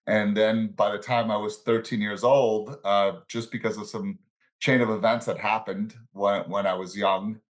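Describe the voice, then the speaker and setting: Low-voiced man in his sixties, telling stories. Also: moderate pace. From born in Italy, raised in the Bronx, New York. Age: 60s. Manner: relaxed storyteller, chuckles between anecdotes. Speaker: guest, financial services professional and coach. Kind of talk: casual interview storytelling.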